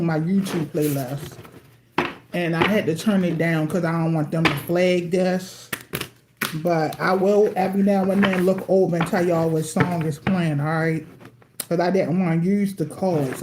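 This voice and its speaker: A woman's voice: fairly low pitch, noisy background. A woman doing a casual livestream tarot reading at home, chatty and informal, calling her viewers y'all and eating as she talks. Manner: chatty, eats while talking, addresses viewers as y'all. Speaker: tarot card reader. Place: at home with TV playing.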